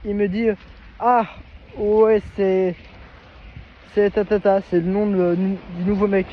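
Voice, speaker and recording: Male vlogger, high voice, halting casual storytelling, muffled lo-fi sound. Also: little pitch movement, slight background noise. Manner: hesitant, halting, many restarts. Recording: dull lo-fi recording.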